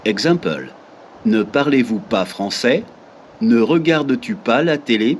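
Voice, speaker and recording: A man reading a French textbook lesson aloud, deliberate and reading out examples one by one. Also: medium pitch, animated, slight background noise. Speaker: French teacher.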